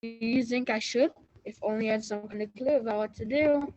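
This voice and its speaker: A woman's voice: fairly high pitch, a little fast, muffled recording, music in the background, close to an everyday voice. A woman playing a dim, overconfident, greedy boy in a comic children's fairy-tale play. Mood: blithe.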